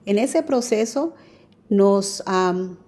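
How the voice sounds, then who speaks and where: Mellow-voiced woman testifying. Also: mid-range voice, animated, extremely slow. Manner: earnest storytelling with many fillers. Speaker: radio guest. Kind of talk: personal faith testimony. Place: radio studio.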